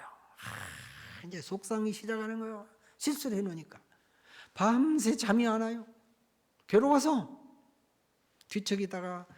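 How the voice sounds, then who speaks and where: A man preaching as a pastor, telling a sermon story in an animated way that swings between loud and hushed. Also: on the high side. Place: church.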